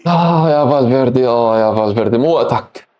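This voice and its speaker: Excitable Syrian man reacting fast. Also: medium pitch, muffled recording. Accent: Syrian Arabic. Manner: excitable, sarcastic, swings between shouts and mutters. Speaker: streamer. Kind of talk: live football reaction stream.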